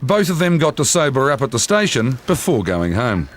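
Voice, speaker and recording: A man's voice: mid-range voice, sing-song, normal speed, a little hiss or hum. A man with a New Zealand accent reading scripted narration for a police documentary series. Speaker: narrator of a police reality TV show.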